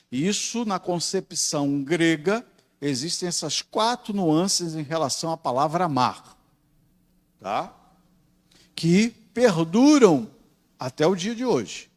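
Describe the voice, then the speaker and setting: A man with a Brazilian Portuguese accent, a pastor teaching a Bible study class. He explains step by step, often checks in with his students and slows down to stress key words. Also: on the high side.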